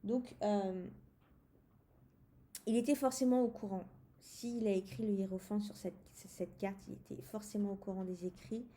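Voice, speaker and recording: A woman's voice: mid-range voice, fairly even intonation, normal speed, mellow. A woman presenting a tarot deck in a casual chat to the viewer, hesitant, with many fillers and restarts. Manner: speaks directly to the viewer. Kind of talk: casual spoken deck review.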